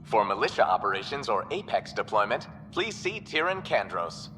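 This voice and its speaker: A man voicing a calm, informative male announcement system heard over a space station's public address speakers in a video game. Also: fairly low pitch, moderate pace, long reverb tail, faint music behind. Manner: even, formal announcer delivery.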